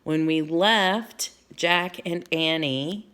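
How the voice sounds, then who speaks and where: A woman's voice: on the low side, very slow, clear, resonant tone. A woman reading a children's chapter book aloud, explaining the story to young listeners as she goes. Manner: warm, explanatory, speaking to children.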